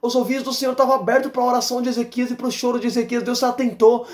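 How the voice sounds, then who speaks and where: A man preaching a fervent sermon as an evangelist, exhorting and repeating his points with shouts of praise. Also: extremely high pitch, little pitch movement, very fast. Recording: roomy echo.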